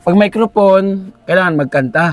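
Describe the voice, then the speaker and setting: A man's voice: sits high, moderate pace. A man hosting a vlog, chatting casually and teasing his guest outdoors at a rural house. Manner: playful, teasing. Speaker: vlogger host. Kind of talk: casual chat.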